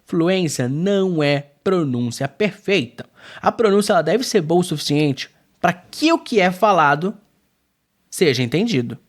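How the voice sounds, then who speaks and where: Slangy, emphatic Brazilian man teaching. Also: unhurried. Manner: informal, slangy, lots of filler tags; emphatic, lively pitch swings. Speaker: English teacher. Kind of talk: casual video lesson.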